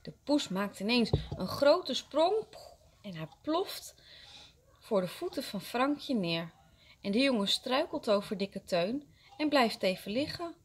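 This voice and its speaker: Expressive woman reading to kindergarteners. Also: a little high, takes it slowly, husky. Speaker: kindergarten teacher. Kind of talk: reading a story aloud to young children.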